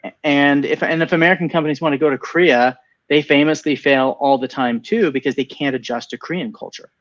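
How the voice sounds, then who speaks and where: A venture capital partner co-hosting a casual webinar speaks a little fast in a slightly high voice. He's enthusiastic and tends to repeat himself as he starts sentences, and the recording is muffled.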